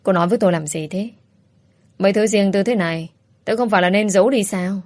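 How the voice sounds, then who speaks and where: A woman's voice: mid-range voice, quick pace, darkish tone, no room sound, natural voice. A woman voicing a reluctant, irritated young man who answers in curt, defensive lines. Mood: annoyed.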